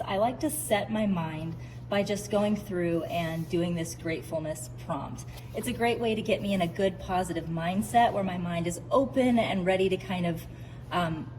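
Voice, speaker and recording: A woman's voice: mid-range voice, darkish tone, low-quality recording. A woman vlogger talking in a casual, enthusiastic, conversational way, filming in a warehouse by an open window. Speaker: vlogger and small business owner. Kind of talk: casual chatty vlog. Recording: noticeable background ambient noise in warehouse.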